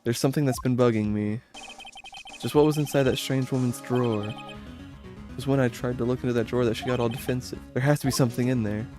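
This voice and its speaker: A man's voice: mid-range voice, steady tone, fast talker, music in the background, lightly acted. Earnest male defense lawyer read by a man. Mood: pondering, suspicious. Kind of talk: video game dialogue read aloud.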